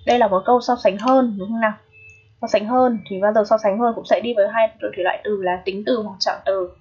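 A woman's voice: mid-range voice, steady tone, quick pace, a little mellow, husky, highs cut off. A woman English teacher, patiently walking students through an exam review and checking in with frequent rhetorical questions.

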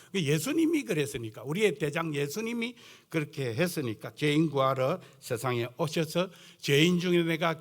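Older Gyeongsang man preaching, lively pitch. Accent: Gyeongsang dialect. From South Gyeongsang coast, Korea. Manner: earthy, folksy, animated storytelling. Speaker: guest pastor preaching. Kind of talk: sermon.

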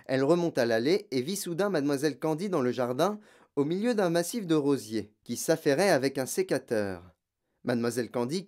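An audiobook narrator reading a children's novel in an expressive storytelling manner. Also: mid-range voice.

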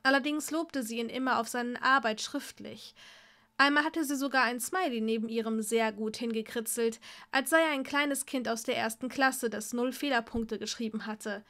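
A woman reading fan fiction aloud in a steady storytelling voice. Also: on the high side, moderate pace. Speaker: story reader.

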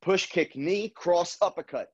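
A man's voice: high-pitched, a little slow. Dull-sounding male boxing coach calling combos. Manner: boxing coach calling combos in short clipped commands with encouragement. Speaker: kickboxing coach. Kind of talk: fitness class instruction, calling out boxing combos and counts. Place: apartment living room, indoors. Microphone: video call, standing back from laptop. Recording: dull lo-fi video-call audio.

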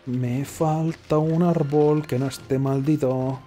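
Guy muttering through a let's play, sarcastic, kinda high mellow voice, faint game music. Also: fairly even intonation, slow pace. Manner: sarcastic, rambling, mutters to himself. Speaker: gaming streamer. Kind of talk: casual let's play commentary.

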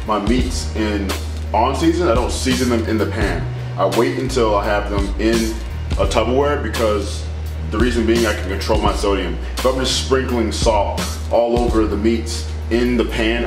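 A man talking casually and loosely as he cooks his meals in a home kitchen, like a fitness trainer walking through his routine. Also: fairly low pitch. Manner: relaxed, rambling, talks while cooking. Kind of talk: casual cooking walkthrough. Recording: music playing under voice.

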